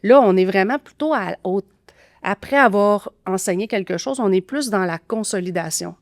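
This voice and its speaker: A woman's voice: medium pitch, normal speed, no echo, clean studio sound. A woman with a Québécois accent explaining teaching methods as a podcast guest, thoughtful with frequent fillers and restarts. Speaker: grammar teaching expert guest.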